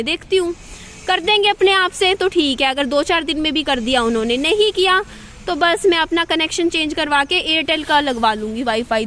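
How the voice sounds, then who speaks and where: A woman's voice: high voice, a bit bright. A woman talking straight to camera at home in a chatty, venting vlog monologue, repeating herself as she goes. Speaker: vlogger.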